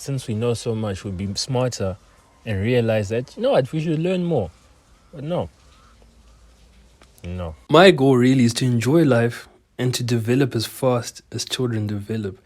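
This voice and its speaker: A young man talking earnestly in a reflective personal monologue, his voice often trailing off softer at the ends of phrases. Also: medium pitch, animated, moderate pace. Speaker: self-improvement vlogger.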